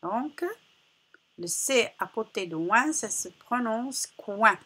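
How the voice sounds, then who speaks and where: A primary school teacher leads young children through a phonics lesson, repeating sounds slowly with careful articulation. Her voice is breathy, fairly high and fairly bright, with lively intonation.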